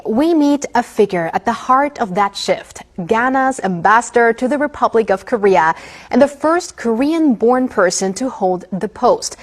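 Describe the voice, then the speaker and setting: A woman television interviewer reading a scripted introduction and asking questions in a polished, measured broadcast manner. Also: a little high.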